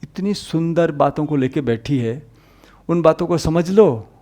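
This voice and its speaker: A man teaching an exam-prep Hindi grammar lecture, explaining patiently and repeating the sounds aloud, rising on key points and dropping low at the ends of phrases. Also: lively intonation, measured pace, warm tone.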